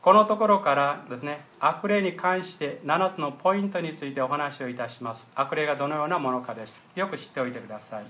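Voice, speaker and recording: A man's voice: on the high side, fast, hardly any pauses, sharp tone. A man pastor preaching an earnest, emphatic sermon and stopping often to address the congregation directly. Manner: earnest, emphatic preaching with frequent ですね fillers.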